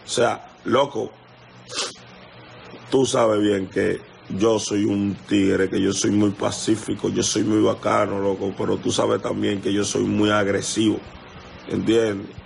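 A young Dominican man holds forth into his phone on a livestream, hammering home his point and asking again and again whether the listener understands. His voice sits low and gravelly, and a faint ambient hiss runs behind it. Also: level tone, slow, a little mellow. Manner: confrontational, repetitive, keeps asking "you understand?". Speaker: musician addressing a rival. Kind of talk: heated livestream rant.

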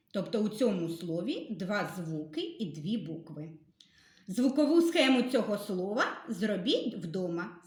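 A woman teacher giving a literacy lesson to young children, patiently sounding out letters and syllables with careful, gentle instructions. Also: medium pitch, echoey room.

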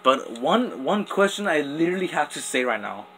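Very animated, at normal speed, this fairly high-pitched young man, possibly a teen, narrates toy top battles off camera over heavy background noise. The channel host's commentary is casual and rambling, full of "like," "literally," and frequent restarts.

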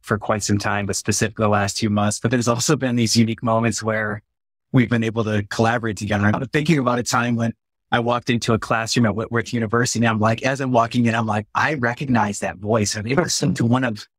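A man in his forties hosting a virtual conversation, speaking earnestly and warmly about his work and his guest, close to a webcam in a small room. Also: fairly low pitch, husky, dry recording. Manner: earnest, heartfelt, flowing. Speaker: interviewer and peacemaking trainer. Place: small room with curtained window. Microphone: phone or webcam close up.

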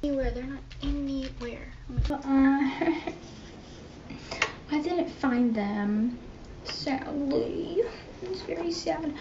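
A young woman with a high voice talks extremely slowly while tidying her carpeted bedroom for a casual clean-with-me vlog, chatty, rambling, and mock-dramatic about small things. A phone camera set across the room records her, so the audio is echoey and dull, with a steady hiss.

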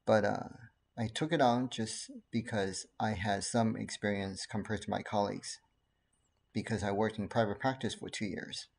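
Casting: man in his forties, from Taiwan, slightly low voice, earnest, measured, self-recorded webcam talk at home. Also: gravelly, breathy edge. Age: 40s. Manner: calm, earnest, measured with frequent fillers. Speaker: pediatrician. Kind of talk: casual talk to camera. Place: living room at home. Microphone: laptop webcam.

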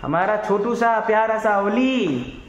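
A man's voice: high-pitched, expressive, slow pace, lo-fi sound, slight background noise. A young man talking casually to a handheld phone camera at home, chatty and playfully teasing his family. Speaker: vlogger. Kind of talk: casual vlog narration.

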